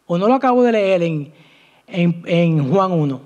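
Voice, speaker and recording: A man preaching a sermon in church, asking the congregation questions and answering them himself, with emphatic swings in pitch and loudness. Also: animated, dull audio. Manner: slow, emphatic delivery with sudden rises and drops in pitch and loudness.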